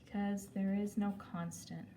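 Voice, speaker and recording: A woman with a mid-range, warm voice and flat delivery teaches math in a recorded video, talking unhurriedly while she writes out problems and frequently correcting herself in a chatty way. The mic is a little distant, and the echoey room carries faint background noise.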